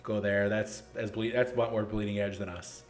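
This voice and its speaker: A man's voice: on the low side, flat delivery, a little fast, faint music behind. A man in his thirties hosting a casual live-stream Q&A for a gaming league, answering chat questions in a blunt, joking, sarcastic way. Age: 30s.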